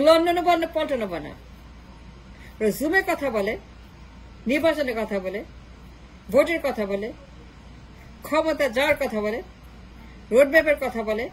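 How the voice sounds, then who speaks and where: A woman's voice: high voice, a little hiss or hum, low-quality recording. A woman delivering a political monologue, mocking with repeated rhetorical questions. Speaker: political commentator.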